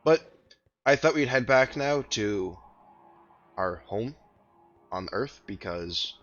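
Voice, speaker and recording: A man's voice: mid-range voice, lively intonation, slow, muffled recording, soft background music. A man casually commenting on his own gameplay, thinking aloud and rambling, with a groggy morning voice. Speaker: gaming video host. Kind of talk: casual let's-play commentary.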